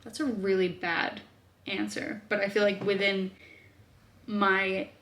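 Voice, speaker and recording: A woman's voice: mid-range voice, flat delivery, slow pace, fairly bright tone. A young woman from Australia, chatting casually as a vlogger and answering viewer questions, thinking aloud with lots of fillers. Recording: roomy echo.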